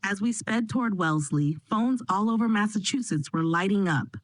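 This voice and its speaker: A woman's voice: medium pitch, animated, moderate pace, dry recording, rough recording. Woman narrating a dramatic story. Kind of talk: scripted first-person story narration.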